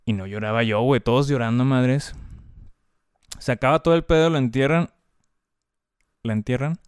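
A man's voice: mid-range voice, normal speed, clean tone, dry recording, clean studio sound. Candid slangy Mexican man. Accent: Mexican Spanish. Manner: candid and heavily slangy, lots of filler words. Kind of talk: casual conversation.

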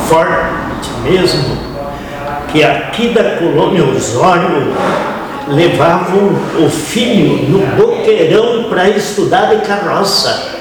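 A man with a southern Brazilian accent telling his story as an interview guest, reflective and halting, pausing mid-phrase. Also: on the high side. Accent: southern Brazilian, Rio Grande do Sul. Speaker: interview guest, family farmer. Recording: very echoey hall, distant mic, crowd murmur.

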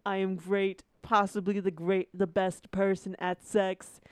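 A woman's voice: mid-range voice, flat delivery, unhurried, a little mellow, clean tone, no room sound, studio quality, lightly acted. A woman reading a comedic story aloud and voicing a pompous, boastful older man with a nasal voice. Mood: smug. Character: pompous boastful older male politician, crude.

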